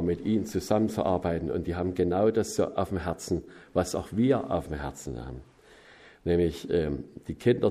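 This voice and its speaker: A middle-aged man speaks to a church congregation about mission work, his voice sitting a little low. He talks in a folksy, warm-hearted way, tagging on short questions to draw listeners in. He swings from loud, emphatic bursts to soft, quiet asides. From Saxony. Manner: folksy, with frequent tag questions. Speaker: missionary preacher.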